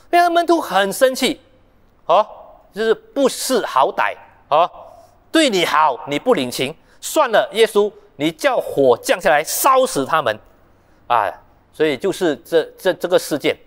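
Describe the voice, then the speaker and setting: A man preaching a sermon, lively and full of rhetorical questions, acting out the quoted speech of others. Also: high voice, long reverb tail. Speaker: pastor. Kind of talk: Mandarin sermon. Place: church sanctuary.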